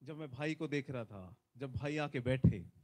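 A man in his forties with a mid-range voice and moderate pace preaches as a visitor on a large conference stage. Holding a handheld microphone, he prays and delivers his sermon fervently, with emphatic loud bursts and many shouts of hallelujah.

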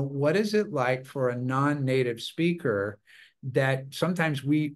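Casual, halting male podcast host. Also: medium pitch. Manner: casual, halting, many fillers and restarts. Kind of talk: podcast interview.

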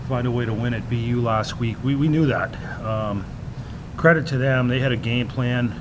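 A middle-aged man, a head hockey coach, answering questions at a postgame press conference at a table mic, measured and full of fillers. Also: mid-range voice, noisy background. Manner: measured, many fillers and restarts. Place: press room in front of a logo backdrop.

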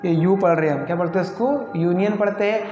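A man's voice: sits high, fast, a little mellow, faint music behind. A man teaching an English lesson who keeps asking the class questions and then answering them himself. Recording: echoey, muffled room recording.

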